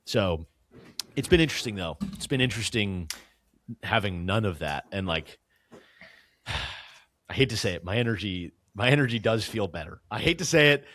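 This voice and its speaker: A man's voice: lowish voice, animated, moderate pace, long pauses, fairly bright tone, no echo. A young man co-hosting a podcast, telling loose, self-deprecating stories with lots of swearing and laughter. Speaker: podcast co-host. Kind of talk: casual chat.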